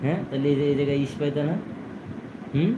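A man's voice: a little high, steady tone, quick pace, dull audio, background noise. A man, speaking casually to his young child on a live stream and coaxing him over and over. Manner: coaxing and pleading, repeats himself.

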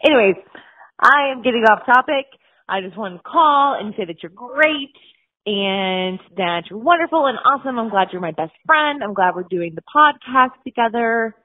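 A woman's voice: a little high, expressive, moderate pace. Woman co-host leaving a teasing, rambling voicemail; thin phone-line sound. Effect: voicemail message over a phone line. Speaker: podcast co-host. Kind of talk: casual voicemail to a friend.

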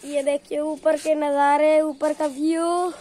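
A woman's voice: high-pitched, flat delivery, takes it slowly, dark tone. A young woman casually touring a village house, pointing things out for the camera. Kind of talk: casual vlog tour. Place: village house and yard outdoors.

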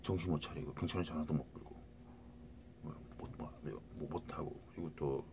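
A man's voice: extremely low pitch, fairly even intonation, normal speed, noisy background. A middle-aged man talking to viewers into a phone in a rambling casual monologue, restarting words and often asking "right?".

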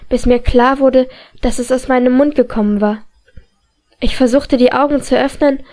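A woman narrating a novel in the first person as an audiobook reader, calm and measured. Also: sits high.

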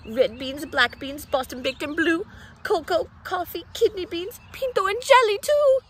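A woman voicing a tiny, excitable male chihuahua pup in a storybook read-aloud, with squeaky, rapid chatter. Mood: eager.

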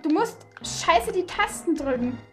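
Woman gamer, high-pitched, frustrated and excitable, faint game music under her voice. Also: a little slow. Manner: excitable, swears and shrieks in frustration. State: out of breath. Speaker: let's play gamer. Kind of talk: live game commentary.

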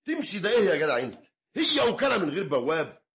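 Sarcastic Egyptian police sergeant. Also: male voice, high voice, racing, exaggerated voice. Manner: sarcastic, lively.

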